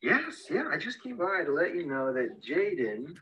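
A man's voice: on the high side, very animated, normal speed, sharp tone, dull audio, soft background music. An actor playing an easygoing male teacher in a comedy skit, with a casual, slightly hesitant delivery. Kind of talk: scripted comedy skit acting.

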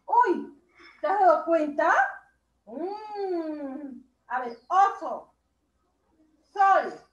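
High-voiced woman teacher, slow praise. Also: lively intonation, roomy sound, muffled recording, slight background noise. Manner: slow, drawn-out words, warmly praising children. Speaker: primary school teacher. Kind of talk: online class instruction.

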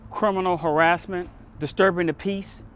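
An actor playing a firm, middle-aged off-duty police captain in a drama, with a commanding, measured and dry manner. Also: male voice, high-pitched, steady tone, fairly bright tone, a little hiss or hum. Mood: calm authority. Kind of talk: acted drama dialogue. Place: outdoor parking lot.

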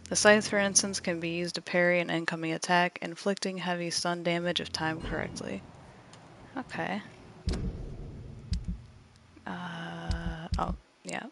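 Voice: mid-range voice, little pitch movement, measured pace, vocal fry, pauses often, noisy background. A streamer giving casual live gameplay commentary, laid-back and reading the tutorial text aloud.

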